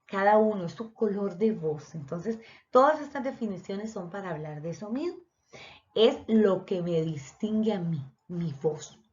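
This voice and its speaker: A woman's voice: medium pitch, expressive, normal speed, a little mellow. A woman teacher, explaining a lesson and speaking directly to her students. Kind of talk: online voice lesson. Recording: dull lo-fi recording.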